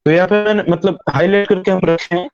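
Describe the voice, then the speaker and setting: A fairly high-pitched man on a video call whose connection keeps cutting out. The audio is dull and lo-fi. He talks haltingly, filling gaps and repeating himself as he reads and explains. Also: steady tone. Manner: halting, with many fillers and repeats. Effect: bad call connection that breaks up. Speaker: guest. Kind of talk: explaining religious views in a call-in discussion.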